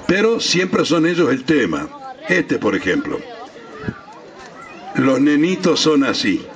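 A man's voice: fairly low pitch, gravelly, dull audio. Uruguayan man reciting comic verse. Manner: measured, storytelling recitation. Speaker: humorous verse reciter on stage. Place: outdoor festival stage.

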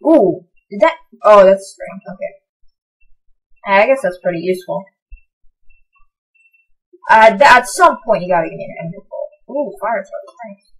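A young woman giving casual, excitable commentary on her own gameplay, sometimes breaking into high, delighted shouts. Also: unhurried, long pauses, breathy edge, poor audio. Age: young adult. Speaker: gaming channel host.

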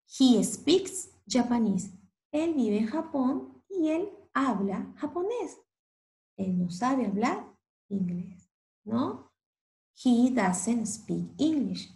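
A woman teaching English to Spanish speakers, reading a picture book aloud slowly and expressively and translating each line. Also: a little high, creaky, reverberant, rough recording. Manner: slow, exaggerated, expressive reading with Spanish explanations.

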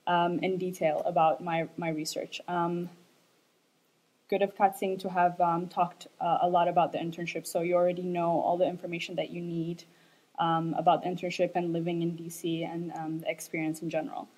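A woman's voice: fairly low pitch, little pitch movement, normal speed, darkish tone. A young woman from Ethiopia, a graduate student, giving an academic presentation with frequent fillers and hesitations. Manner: hesitant, many fillers, light laughs.

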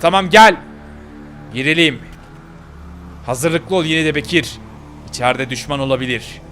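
A man's voice: a little high, a little slow, sharp tone, faint music behind. A man voicing Elif, a bossy young girl. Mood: tense. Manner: bossy, urgent, scolding. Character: brave determined young girl searching for her father. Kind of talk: game role-play voice acting.

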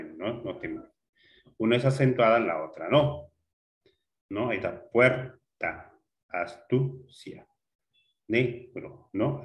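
Teaching grammar to a class, a man with a somewhat low, slightly bright voice works through the material step by step, repeats words, and often stops to check in with a quick question.

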